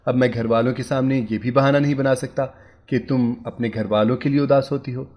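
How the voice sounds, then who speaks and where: Brief: anxious young husband, soft and coaxing, mid-pitched storybook voice, by the narrator. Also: male voice, steady tone, a little fast, muffled recording, natural voice. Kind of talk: storybook character voice.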